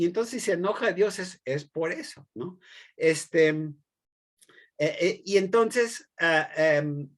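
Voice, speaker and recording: Hesitant teacher giving a class lecture. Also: medium pitch. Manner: hesitant, many fillers and restarts, tag questions; explains with everyday examples.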